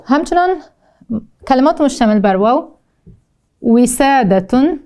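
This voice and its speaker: A woman with an Afghan Dari accent teaching a recorded language lesson, slowly repeating each word twice and explaining with frequent hesitations. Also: on the high side, expressive, warm tone. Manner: slow, deliberate pronunciation drills, repeating each word twice. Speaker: Arabic teacher.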